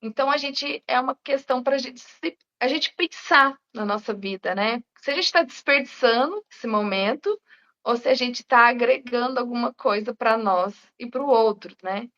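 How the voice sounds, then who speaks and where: A woman's voice: fairly high pitch, moderate pace, a bit bright. A woman therapist in casual live chat, speaking reflectively and often ending with "né?". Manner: reflective, many "né?" tags. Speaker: integrative therapist. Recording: dull lo-fi live stream audio.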